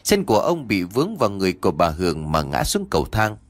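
A man's voice: low voice, fast talker, dry recording. Theatrical male horror storyteller. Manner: expressive, theatrical. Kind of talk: dramatic horror story narration.

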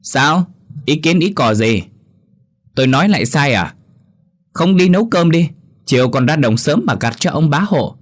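Man putting on a shrill scolding village wife. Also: animated, normal speed, long pauses. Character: shrewish young village wife, scolding and spiteful.

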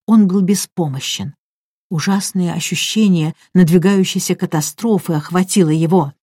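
A woman reading a mystery story aloud as an audiobook narrator, in steady, measured narration. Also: on the low side, breathy edge, no room sound, clean studio sound. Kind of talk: scripted narration.

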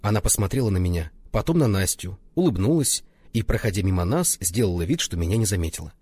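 A man's voice: low-pitched, expressive, fast talker, mellow, husky, dry recording. A man reading a first-person story aloud, acting out other characters by raising his voice for their lines. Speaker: audiobook narrator. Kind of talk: first-person audiobook narration.

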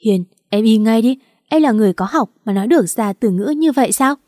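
Woman narrating as a stern young policeman, audio story, mellow voice, dry close sound. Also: a little high, animated, brisk, dry recording, natural voice. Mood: scolding. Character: angry male police officer, the ex-lover.

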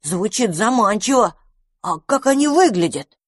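A woman's voice: medium pitch, big pitch swings, measured pace, no room sound, clean studio sound, voice pushed up. A woman playing a cocky little dragon. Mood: curious. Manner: bold, boastful. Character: small boastful boy dragon, curious.

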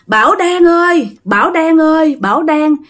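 A woman voicing the restless ghost of a young man, rough and demanding, with a Southern Vietnamese accent. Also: sits high, animated, normal speed, sharp tone, voice pushed up. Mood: pleading. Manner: pleading and demanding, rough blunt talk.

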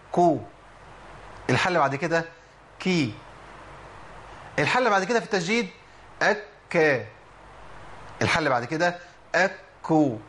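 A man with an Egyptian accent teaching tajweed, drilling letter sounds slowly and repeating example words. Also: a little high, fairly bright tone, slight background noise. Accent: Egyptian Arabic. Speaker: Quran recitation teacher. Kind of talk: Egyptian Arabic tajweed lesson.

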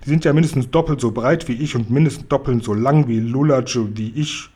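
A man's voice: mid-range voice, fairly quick, darkish tone, close to an everyday voice. A man doing Guri, a kind word-mangling giant. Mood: earnest. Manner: mangles words, folksy and good-natured. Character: kind big friendly male giant. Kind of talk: bedtime story reading.

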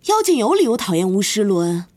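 A woman's voice: mid-range voice, big pitch swings, quick pace, darkish tone. A woman voicing a clever, earnest teenage witch who talks in a reasoned, insistent way. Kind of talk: audiobook character voice.

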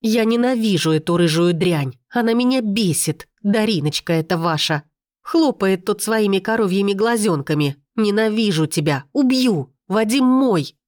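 A woman's voice: medium pitch, moderate pace, a little mellow, no echo, studio quality, close to an everyday voice. A woman voicing a spoiled, hysterical young woman who screams insults in an audiobook. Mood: hissing spite. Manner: screaming, spiteful.

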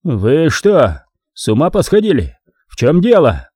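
A man's voice: on the high side, wildly swooping pitch, a little slow, a little mellow, slightly rough, no echo, studio quality, voice pushed up, exaggerated voice. A man reading an audiobook voices a frightened, blustering aging mafia boss. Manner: shaky, blustering, pleading.

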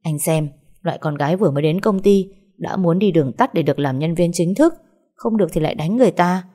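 A woman's voice: on the low side, expressive, fast talker, dark tone. Woman doing a drunk, groveling older office manager. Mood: accusing. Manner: blustering then groveling, stammering fillers. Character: drunk older male sales manager, lecherous and cowardly.

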